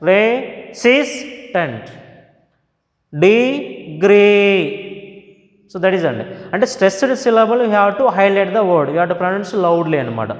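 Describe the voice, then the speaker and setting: Male teacher, Telugu accent, higher voice, drawn-out classroom drilling, big reverberant hall. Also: big pitch swings. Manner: slow, drawn-out, repeating words to model stress. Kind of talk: classroom lesson mixing English and Telugu. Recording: echoey hall with long reverb.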